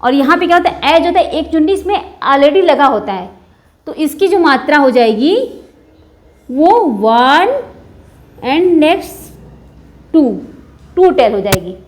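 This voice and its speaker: A woman's voice: high-pitched, expressive, measured pace, pauses often. A woman teacher giving a Hindi alphabet lesson, patiently drawing out each sound and answering her own questions. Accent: Indian Hindi speaker. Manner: asks the class questions and answers them herself.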